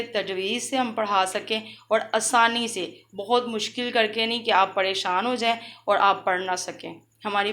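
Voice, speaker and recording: Bright-voiced woman teaching slow letter drills. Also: mid-range voice. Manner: slow drawn-out drills, then quick explanations. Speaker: Quran reading teacher. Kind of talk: online lesson, spelling out letters slowly.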